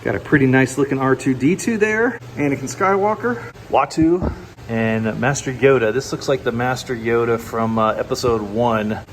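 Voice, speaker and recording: A man vlogging a walk through an indoor wax museum, chatting with his viewers and quizzing them with questions, often pausing with fillers and restarts. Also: mid-range voice, slight background noise. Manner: hesitant, frequent fillers and restarts. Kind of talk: casual walk-through commentary.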